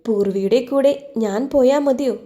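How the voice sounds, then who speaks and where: A woman voicing a calm young man in an audio love story, talking in an easygoing, reassuring way. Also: on the high side, normal speed, natural voice.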